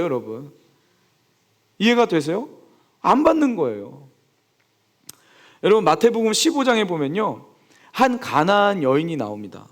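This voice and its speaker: Young man preaching, high pitched and animated, acts out voices. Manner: lively preaching, asks the congregation questions; acts out quoted speech with big swings in pitch. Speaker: pastor. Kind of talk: sermon.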